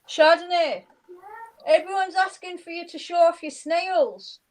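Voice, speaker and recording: A woman's voice: very high-pitched, a little slow, low-quality recording. A woman hosting a casual group chat, telling stories with many hesitations and greeting viewers.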